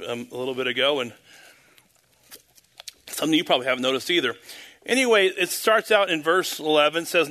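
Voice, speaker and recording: A man's voice: on the high side, bright, forceful tone. A man leading a church service as pastor, speaking at a pulpit microphone, praying fervently and preaching, and often repeating words and hesitating with ums. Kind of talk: fervent prayer and sermon.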